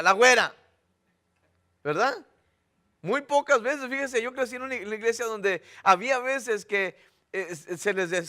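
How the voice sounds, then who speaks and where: A man's voice: high-pitched, fairly bright tone. A middle-aged man preaching a conversational sermon, often stopping to check in with the congregation. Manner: conversational, many restarts and "¿ok?" checks. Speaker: pastor. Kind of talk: Spanish-language sermon.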